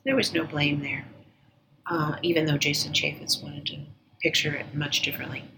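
A woman with a notably low voice, recounting her story with earnest, measured calm. She often sinks almost to a whisper. The recording carries a clear hiss of background noise. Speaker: interview guest, former agency director. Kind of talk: reflective personal storytelling.

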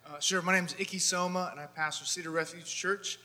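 A man from California, a pastor, speaks upbeat and emphatic, quick and fairly high. His voice is very bright and sharp, with a long echo from the hall. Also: fairly even intonation. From Southern California. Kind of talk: panel introduction.

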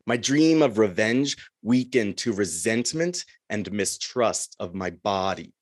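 A man voicing a lonely, brooding male minotaur in a slow, measured poetry reading. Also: lowish voice, expressive, no room sound, clean studio sound.

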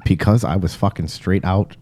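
A young man co-hosting a podcast, telling a story in brash, profane, excitable chat. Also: low-pitched, moderate pace. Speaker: podcast co-host.

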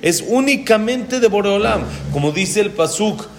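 A man, giving a religious lecture as a rabbi, who explains verses slowly, translates them and adds touches of humor. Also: sits high, expressive, vocal fry. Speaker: rabbi teaching a class.

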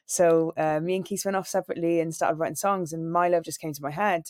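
A woman's voice: low-pitched, fairly even intonation, fast, a little mellow, no room sound, clean studio sound. Earnest young woman from Wales. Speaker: singer and radio presenter. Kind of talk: interview conversation.

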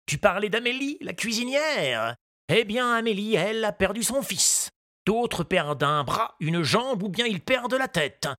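A woman voicing an old, kindly male gardener who speaks slowly and gravely. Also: fairly high pitch, expressive, fairly bright tone, no echo, studio quality, pitched above the performer's own voice, full character voice. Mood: sad.

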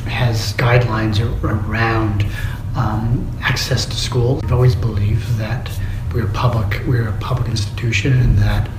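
A middle-aged man, a school superintendent, answering interview questions in measured, official phrasing with pauses. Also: lowish voice, fairly even intonation. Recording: echoey room with background noise.

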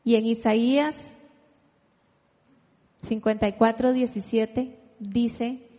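A woman's voice: fairly high pitch, fairly even intonation, takes it slowly, warm tone, in a large hall. A woman preacher giving a sermon, reading scripture aloud and posing rhetorical questions to her listeners. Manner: asks rhetorical questions and invites the audience to read along.

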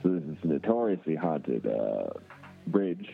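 A man with a very low voice calls in over a tinny phone line, and faint music plays behind him. He rambles through his story, full of fillers and restarts. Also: big pitch swings, a little slow, gravelly. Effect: heard over a phone line. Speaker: caller. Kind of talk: casual call-in storytelling.

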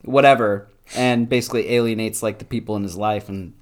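A man's voice: lowish voice, steady tone, fast, a little mellow. Easygoing man chatting about shows. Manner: easygoing, reacting, recommending shows. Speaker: podcast co-host. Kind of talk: casual chat.

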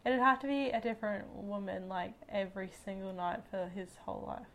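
A woman's voice: mid-range voice, fairly even intonation, a little fast, fairly bright tone, slight background noise. A woman co-hosting a podcast, chatting casually with skeptical, wry reactions. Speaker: podcast co-host. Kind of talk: casual chat. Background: faint rain.

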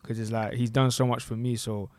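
A man's voice: mid-range voice, flat delivery, fairly quick, a little mellow, dry recording. Young man, London roadman accent, street slang, casual podcast chat, dry close sound. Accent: London, multicultural urban slang. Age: young adult. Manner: London roadman-style slang, frequent tag questions. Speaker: podcast co-host.

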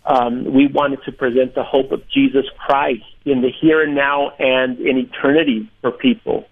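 Earnest pastor on a tinny phone line. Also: male voice, mid-range voice, level tone. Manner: earnest, measured storytelling. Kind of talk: radio interview by phone. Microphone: telephone.

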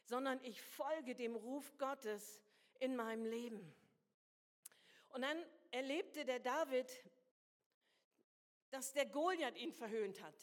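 A woman with a high voice preaches a sermon, her words ringing through a hall with a long reverb. She hammers home her points by repeating phrases. She mixes everyday slang into the preaching. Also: slow, long pauses. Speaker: guest preacher.

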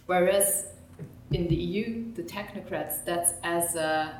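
A woman's voice: lowish voice, fairly even intonation, unhurried, a little mellow, slight background noise. A woman speaking English on a panel, careful and searching for words. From Germany. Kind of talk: roundtable discussion. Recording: roomy echo, mic far off.

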